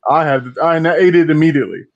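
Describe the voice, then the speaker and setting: A man's voice: a little high, fast. A man playing a tabletop game, easygoing and stammering a little in casual banter. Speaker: player. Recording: dull lo-fi mic.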